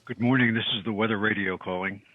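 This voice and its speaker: A deep-voiced man comes through a thin, phone-like call line. His voice is husky and dry, with no room around it. He chats in a loose, rambling way and corrects himself as he goes. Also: steady tone, fast talker, no echo. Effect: heard over a tinny internet call. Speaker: call-in guest. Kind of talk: casual chat. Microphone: headset on a video-call app. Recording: tinny phone-like call audio.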